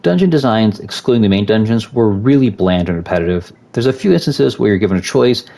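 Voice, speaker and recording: Dad co-host, low-pitched man, animated read, scripted game review. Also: fairly quick, gravelly. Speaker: parent co-reviewing a game with his son.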